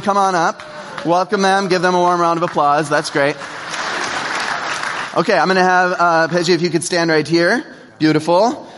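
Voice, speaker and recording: An upbeat man speaks as a guest preacher, firing off quick encouraging affirmations. His voice sits a little high. Long reverb of a church sanctuary hangs on every word. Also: fairly bright tone. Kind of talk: casual sermon opening with volunteers.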